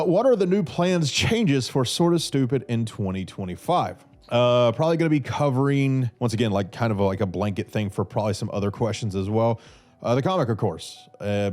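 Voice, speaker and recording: Animated and a little fast, his medium-pitched voice has a slightly mellow quality. The man, a thirtysomething podcast host from North Carolina, sits in an armchair in a small brick-walled room answering listener questions into a red studio mic on a boom arm. A touch stuffy from a cold, he rambles casually, full of fillers and restarts.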